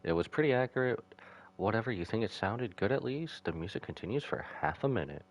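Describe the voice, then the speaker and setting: A man with a lowish, animated, brisk voice live streams a video game, alternating between jokey, casual reactions and reading the game's text aloud, with game music playing underneath.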